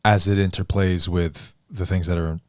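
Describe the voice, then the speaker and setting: A man and coach on a podcast conversation, explaining ideas in a measured, thoughtful way. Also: low-pitched, flat delivery, darkish tone, no echo, clean studio sound. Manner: measured, thoughtful, deliberate phrasing.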